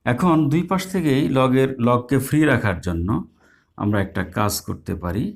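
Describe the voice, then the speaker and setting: A man's voice: medium pitch, sing-song, normal speed, creaky. A man teaching a math lesson live online, explaining step by step in a patient way with small hesitations.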